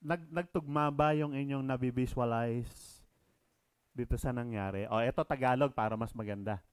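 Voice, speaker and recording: A middle-aged man with a Filipino accent preaches a sermon, shifting between quiet asides and loud, emphatic reading. His voice is medium-pitched and smooth, at a moderate pace.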